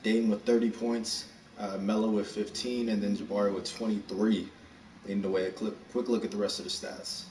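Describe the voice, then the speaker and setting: A breathless man from Texas hosts a casual, rushed live stream of a basketball video game. His voice sits fairly low and sounds a bit far from the mic. The room around him is echoey, with a faint hum underneath. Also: little pitch movement, a little mellow. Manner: casual, rushed, chatty, upbeat. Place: room at home. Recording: roomy echo, distant mic, faint background hum.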